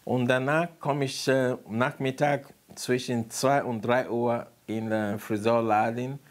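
A man from Nigeria with a Nigerian accent, a barber and painter, answering interview questions in halting German and searching for words. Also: medium pitch, flat delivery.

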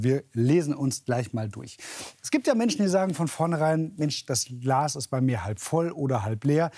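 A man's voice: a little high, darkish tone, dry recording, studio quality. A man hosting a TV magazine, chatting with viewers and asking them questions. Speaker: TV magazine host. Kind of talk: live studio moderation.

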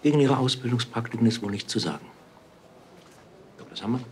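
A man's voice: medium pitch, fast talker, slight background noise, lightly acted. An actor playing a pompous, confrontational male hospital professor and father in a naturalistic TV drama. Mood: indignant.

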